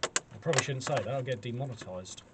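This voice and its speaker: A British man in his forties runs an allotment gardening vlog, giving a casual, chatty, self-deprecating demonstration to camera. His mid-range voice moves fast, and the camera audio is clearly noisy with clicks.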